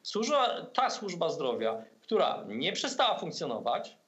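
Higher-voiced Polish man on a video call. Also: sing-song, unhurried, a bit bright. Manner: hesitant, many fillers and restarts. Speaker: political commentator guest. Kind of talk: video-call political discussion. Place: room at home. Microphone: laptop webcam on video call.

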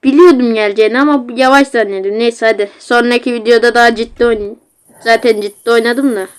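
A woman's voice: fairly high pitch, fairly even intonation, fast, smooth. A woman with a Turkish accent giving casual, self-mocking commentary as she plays a horror game, talking into a facecam at home. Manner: chatty, self-mocking, easily flustered. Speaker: gamer playing a horror game. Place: at home, seated. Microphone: facecam with built-in mic.

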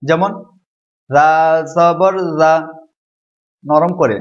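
A man teaching a Quran letter pronunciation lesson, slowly drilling each sound and having students repeat after him. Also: fairly high pitch. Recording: dull lo-fi recording.

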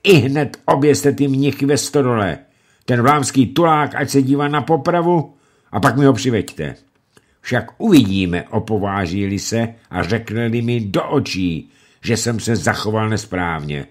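A man's voice: medium pitch, lively intonation, pitched above the performer's own voice. A man voicing a furious, blustering nobleman lord who bellows threats. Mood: raging.

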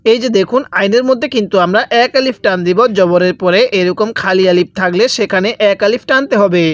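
A man teaching Quran reading, spelling syllables out slowly and asking then answering his own questions. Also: high-pitched, dry recording. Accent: Bangladeshi Bengali. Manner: drills letter by letter, asks and answers own questions. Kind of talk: slow spelled-out recitation lesson.

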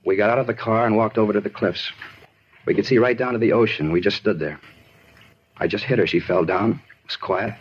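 In a 1950s radio drama, a husky American man plays a talkative murder suspect, speaking low and fast. He's earnest, aggrieved and disturbed, rambling, repeating himself and insisting in plain words, yet his mood is flatly detached. The vintage radio recording sounds dull.

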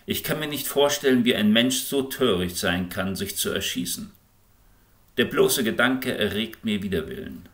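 A man reading an audiobook in an expressive, impassioned way. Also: lowish voice, normal speed. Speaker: audiobook reader. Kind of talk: scripted audiobook narration.

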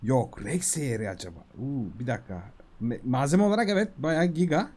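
A man giving casual, excitable commentary while playing a video game, talking to himself and the creatures on screen. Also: medium pitch, a little fast. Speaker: gaming YouTuber.

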